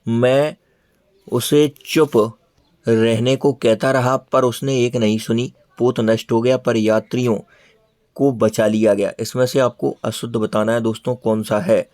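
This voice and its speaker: A man's voice: mid-range voice, level tone, unhurried, darkish tone, no echo, studio quality. A man teaching an exam preparation lesson, repeating each answer and calling his viewers friends.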